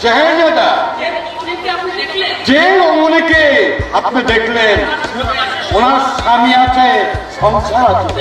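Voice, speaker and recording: Man acting a slow, deferential royal minister. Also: extremely high pitch, a crowd in the background. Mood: explaining, deferential. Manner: formal, drawn-out, deferential delivery. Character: deferential royal minister, cautious adviser to a prince. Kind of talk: slow declamatory folk-theatre (jatra) stage acting. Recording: echoey hall stage recording, distant mic, music.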